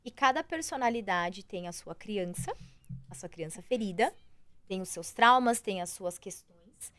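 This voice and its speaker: A woman coach chatting as a podcast guest, animated and expressive, often acting out her own inner voice. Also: medium pitch, measured pace, dry recording. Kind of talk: casual interview chat.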